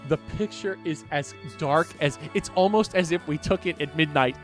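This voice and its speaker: A man's voice: a little high, moderate pace, faint music behind. A man telling long rambling anecdotes as a podcast guest, with many restarts. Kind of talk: casual storytelling.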